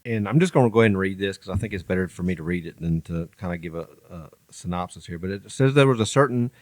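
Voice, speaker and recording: A man's voice: low-pitched, fast talker, a little mellow, no room sound. A man with a Southern US accent co-hosting a faith podcast, casually chatting and reading Bible passages aloud, stumbling now and then. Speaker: podcast co-host. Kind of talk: casual Bible study chat.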